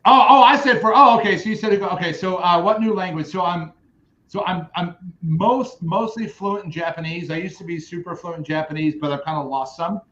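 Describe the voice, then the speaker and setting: A man's voice: sits high, a little fast, fairly bright tone. A man chatting as a podcast guest over a remote call, rambling and interrupting himself as he tells stories. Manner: rambling, self-interrupting storyteller. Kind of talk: casual chat. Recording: echoey, muffled remote call audio.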